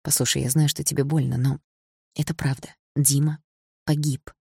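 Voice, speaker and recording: A woman reading a gentle, careful young man. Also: sits low, fairly even intonation, brisk, gravelly, breathy edge, no echo, clean studio sound, exaggerated voice.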